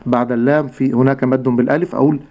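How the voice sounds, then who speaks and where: An Egyptian man teaching recitation on a radio lesson, slow and patient, stretching out words to show how they should sound. His voice sits at a middling pitch. The recording is dull and lo-fi, like old radio. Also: fairly even intonation.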